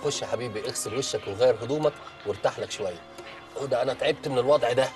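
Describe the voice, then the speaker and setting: A man's voice: mid-range voice, rapid-fire, darkish tone, soft background music, lightly acted. An actor with an Egyptian accent playing a tired, soothing father in a comedy film. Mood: weary. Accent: Egyptian Arabic.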